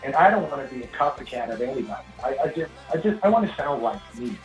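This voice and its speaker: A Swedish singer-songwriter with a big, gravelly voice talks fast in a casual interview, rambling through long stories and frequently restarting mid-sentence. The recording is rough, with faint music low in the background.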